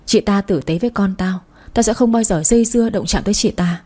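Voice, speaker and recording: Brief: woman reading an enraged young mother, bitter and insulting, in a warm, mellow tone. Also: mid-range voice, fairly quick, close to an everyday voice. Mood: bitter, vengeful. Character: furious young mother fighting for her baby.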